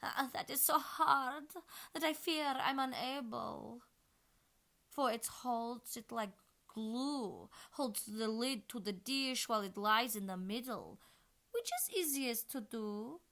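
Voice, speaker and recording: A woman reading aloud, voicing a gentle, scatterbrained queen who coos her words in a sing-song way. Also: a little high, slow pace, creaky, voice pushed up, exaggerated voice. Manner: cooing like a pigeon.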